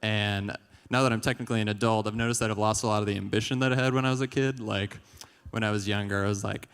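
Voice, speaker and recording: A young man performs a deadpan stand-up set into a stage mic, his voice smooth and clear. His delivery is dry, and he chuckles at his own jokes. The sound carries a long hall reverb. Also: lowish voice, fast. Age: young adult. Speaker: stand-up comedian.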